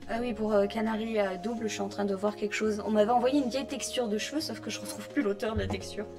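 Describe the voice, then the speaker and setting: A woman's voice: mid-range voice, fairly even intonation, fast talker, vocal fry, music in the background. A woman talking through her modding work on a game in casual commentary, muttering to herself as she types and making chatty asides to viewers. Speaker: game modder.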